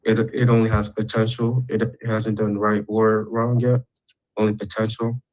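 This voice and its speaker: Flat-voiced man on a dull lo-fi mic. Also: on the low side. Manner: measured, lays out points in order. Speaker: debate caller. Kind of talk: casual online debate.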